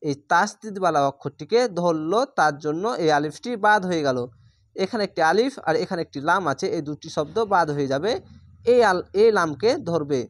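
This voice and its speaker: A man's voice: on the high side, a little fast, dry recording. A man teaching Quran reading, spelling out each letter and vowel mark one syllable at a time before reading the whole word.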